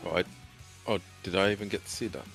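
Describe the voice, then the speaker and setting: Male co-host, very low voice, slangy casual chat, music underneath. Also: steady tone, fast, vocal fry, fairly bright tone. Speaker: co-stream co-host.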